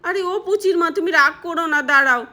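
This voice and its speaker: A woman's voice: very high-pitched, fast, bright, forceful tone. A woman voicing a soothing, reasonable mother in a doll-play story. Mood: calm. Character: calm, kind village mother.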